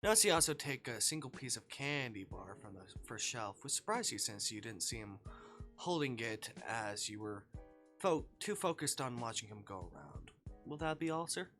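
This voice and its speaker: A man's voice: fairly low pitch, very animated, moderate pace, bright, forceful tone, soft background music. A man streaming live, reading a fan fiction story aloud in second person and breaking into playful asides.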